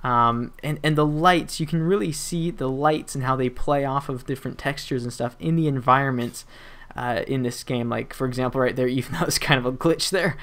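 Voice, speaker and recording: A man's voice: medium pitch, brisk, fairly bright tone. Chatty young man, gaming voice-over. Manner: rambling and chatty, with frequent fillers and restarts and playful asides. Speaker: gaming YouTuber. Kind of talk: casual gameplay commentary voice-over.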